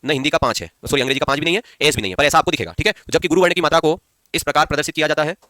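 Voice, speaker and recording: A man's voice: on the high side, pushed and bright, no echo, clean studio sound. A man teaching an online class, repeating key points and quizzing his students as he goes. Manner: reads comments aloud and answers them; chants verses slowly. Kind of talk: online Hindi grammar class.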